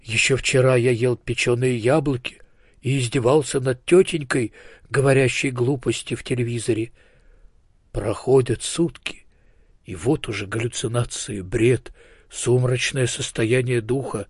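A man voicing a small, proud, sickly talking elephant in an audiobook, slow, dignified and peevish. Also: medium pitch, fairly even intonation, husky, no room sound, clean studio sound. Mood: gloomy. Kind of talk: audiobook character voice.

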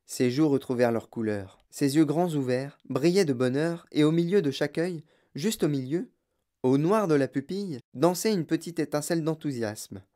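A narrator reading a children's novel aloud with a lively, expressive delivery. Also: mid-range voice, normal speed. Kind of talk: audiobook narration.

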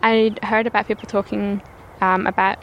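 A woman's voice: medium pitch, level tone, normal speed, lo-fi sound, a little hiss or hum. A woman from Perth with a Scottish accent, a writer guest in casual chat, hesitant and self-deprecating. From Perth, Australia.

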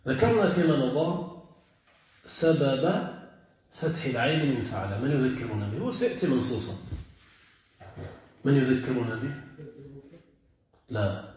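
Sheikh teaching in a booming echoey room. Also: male voice, expressive, dull audio, a little hiss or hum. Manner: stretches key words slowly, keeps checking understanding. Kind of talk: classroom lesson with questions to students.

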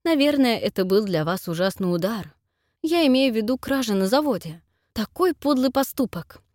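A woman reading the part of a gentle, courteous young man in an audiobook, soft-spoken and polite. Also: fairly high pitch, lively intonation, moderate pace, dry recording, clean studio sound, lightly acted.

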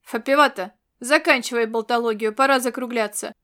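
A woman's voice: on the high side, a little fast, a bit bright, natural voice. A woman voicing an angry male military commander who snaps curt orders. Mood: barking.

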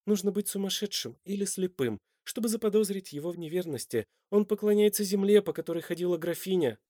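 A man reading an audiobook voices a guarded, stubborn young woman who speaks firmly and quietly. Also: medium pitch, expressive, brisk, dry recording, studio quality, voice pushed up, natural voice. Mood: indignant. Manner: firm, clipped, restrained.

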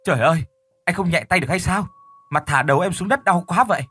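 A man doing a high, whiny younger brother. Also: fast, pushed and bright, husky, no room sound. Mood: whining. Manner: whiny, stammering when scared. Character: jittery younger brother, loose-mouthed and easily scared.

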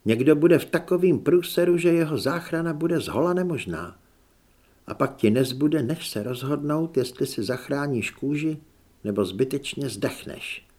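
A hard-edged young woman with a blunt, scolding tongue, as a male reader puts her on. The pitch rises and falls in lively swings, and she cuts her words short and curt. It is a storybook voice, lifted a little above the reader's own.

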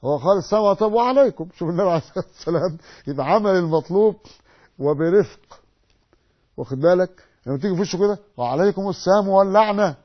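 A male preacher with an Egyptian accent gives an emphatic lesson, throwing out questions and answering them himself. His voice sits high and sounds husky. He talks fast, on a dull, lo-fi recording. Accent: Egyptian Arabic. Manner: repeats hadith slowly for emphasis. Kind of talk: sermon lesson.

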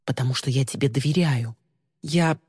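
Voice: medium pitch, moderate pace, darkish tone, slightly rough, natural voice. A sober, guarded teenage girl talks in a firm, slightly grumbling way, as a reader performs her. The voice sits close and dry on a long reverb tail. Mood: earnest.

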